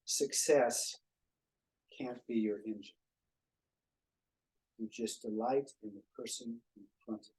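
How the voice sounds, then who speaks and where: A man presenting to a small faith gathering, reflective, quoting writers and pausing often. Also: medium pitch, darkish tone, breathy edge, low-quality recording. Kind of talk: informal group talk.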